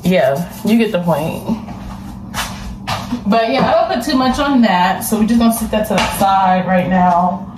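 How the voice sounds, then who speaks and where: In her home kitchen, a twenties-aged cooking vlogger keeps up a chatty cook-along, addressing viewers directly in a mid-range, animated voice at a measured pace. The camera sits across the room, so the distant mic catches kitchen echo, a noisy background, and the clatter of pans and dishes.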